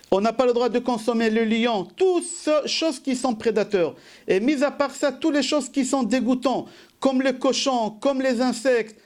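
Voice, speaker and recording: A rabbi giving a sermon, who asks rhetorical questions, answers them himself and repeats key phrases for emphasis. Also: male voice, very high voice, a little mellow.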